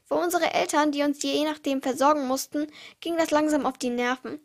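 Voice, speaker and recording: This teenage girl has a high-pitched, steady voice and reads briskly from short stories she wrote herself, for her podcast. Her pace turns uneven with small slips and restarts along the way.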